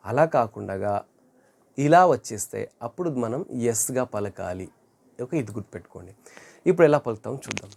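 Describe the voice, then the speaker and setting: An English teacher giving an online grammar lesson, repeating each word slowly to model pronunciation and correcting wrong forms. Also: mid-range voice, lively intonation, vocal fry, darkish tone.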